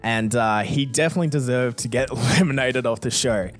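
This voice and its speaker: A man's voice: mid-range voice, fairly quick, faint music behind. A young man, answering fan questions in a casual, crude, joking way with plenty of swearing.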